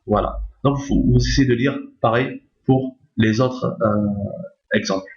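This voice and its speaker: A man at a middle pitch gives a recorded lesson, patient and methodical. He repeats every point and keeps checking that his listeners are following. The sound is roomy and echoey, with a dull, lo-fi tone. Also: steady tone, takes it slowly, darkish tone. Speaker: teacher. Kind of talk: recorded lesson on reading Arabic.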